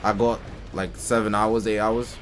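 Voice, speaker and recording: A man's voice: fairly low pitch, flat delivery, measured pace, a little hiss or hum. A man live-streaming, talking casually, reading game update notes aloud and reacting, a little tired. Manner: chatty, reads patch notes aloud and reacts. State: tired, yawning. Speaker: livestreamer.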